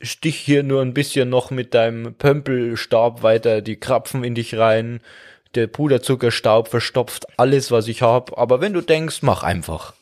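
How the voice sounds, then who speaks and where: A man's voice: medium pitch, moderate pace, a little mellow, close to an everyday voice. A man voicing a passive-aggressive, falsely accommodating lung in a comedy podcast. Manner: sugary, falsely agreeable.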